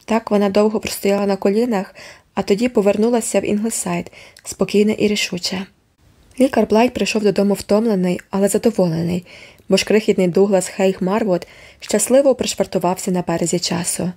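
A woman narrating a novel as an audiobook in a measured, expressive reading. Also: medium pitch. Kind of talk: scripted narration.

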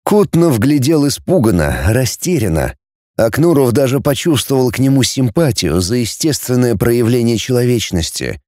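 A man narrates a storybook in a warm, mellow voice. His intonation is lively and expressive, and his pacing is measured. The recording is close and dry, with no room sound. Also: medium pitch, no echo. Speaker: audiobook narrator. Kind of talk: audiobook reading.

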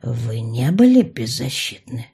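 A woman's voice: a bass voice, very animated, a little slow, vocal fry, warm tone, breathy edge, pitched below the performer's own voice, exaggerated voice. A woman voicing a sly, mocking young male mage who drawls and teases. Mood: drawling. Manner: drawling, teasing.

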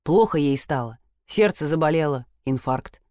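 Woman doing a rude doctor, lowered voice, curt and gruff, dry sound. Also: lively intonation, normal speed, a little mellow, no room sound.

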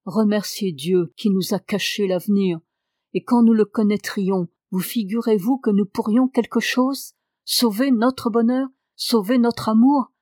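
A woman's voice: fairly low pitch, steady tone, normal speed, a little mellow, no room sound, studio quality, natural voice. A woman reading the lines of a cold, terse male English lord who is a seer. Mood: vehement.

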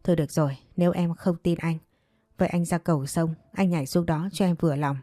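A woman's voice: fairly low pitch, fairly even intonation, fast talker, dark tone, no echo, studio quality, soft background music, natural voice. A woman voicing a manipulative stepfather who talks his way out with wheedling, defensive excuses in a storybook tale. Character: smooth-talking, manipulative stepfather.

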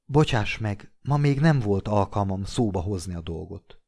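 A man's voice: lowish voice, lively intonation, darkish tone. A man reading an audiobook, voicing a doting aging woman who pleads with her young lover. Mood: meek. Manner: pleading, breathless devotion.

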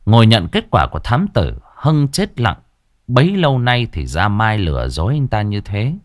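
A man narrating an audio story in a dramatic, expressive reading. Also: on the low side, moderate pace, no room sound, clean studio sound.

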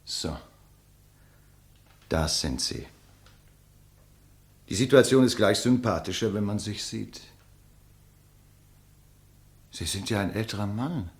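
A male actor with a lowish, expressive voice plays a condemned writer, composed and bitterly ironic. His delivery is measured and eloquent in the manner of a 1950s German radio play, and the mood stays dry and composed.

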